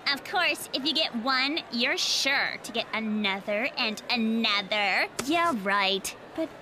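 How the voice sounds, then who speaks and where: A woman's voice: fairly high pitch, animated, slow pace, sharp tone, a little hiss or hum, full character voice. A woman playing a snide, catty young cartoon rival. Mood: scornful.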